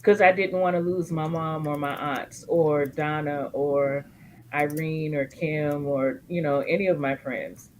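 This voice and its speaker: A woman's voice: sits low, fairly even intonation, measured pace, darkish tone, slight background noise, rough recording. A woman guest speaking candidly and emotionally about supporting family, earthy and joking in turns. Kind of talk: candid personal storytelling.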